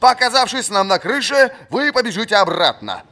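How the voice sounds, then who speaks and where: A man's voice: high-pitched, animated, normal speed, voice pushed up, full character voice. Man voicing a barking old fencing marshal. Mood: commanding. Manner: barking, shouting commands. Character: gruff old male fencing marshal, harsh drillmaster.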